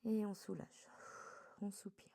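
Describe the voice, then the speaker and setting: Woman fitness coach, mid-height voice, soft dark tone, steady cueing of form and breathing. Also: medium pitch, measured pace, gravelly. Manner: calm step-by-step cueing with breath counts. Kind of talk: guided workout instruction.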